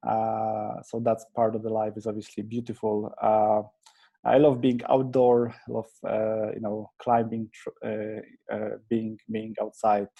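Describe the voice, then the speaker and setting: A Polish man in his thirties, an agency founder with a Polish accent, is an interview guest walking through his career in an earnest, hesitant way with many restarts. His voice is fairly low, monotone, and creaky yet warm, at a measured pace, with the highs cut off in a conversational interview.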